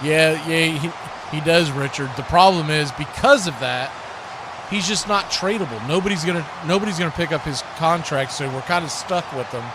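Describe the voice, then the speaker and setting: At a moderate pace and with a slightly high voice, a man runs a livestream where he gives football play-by-play and makes casual conversation with viewers. Background noise is present.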